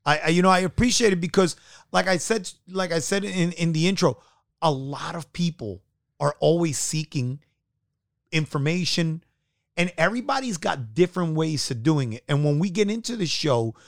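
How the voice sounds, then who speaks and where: A man's voice: a little high, moderate pace, no room sound, clean studio sound. A man hosting his own sports talk show, introducing it with energy and repeating words for emphasis. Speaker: podcast host.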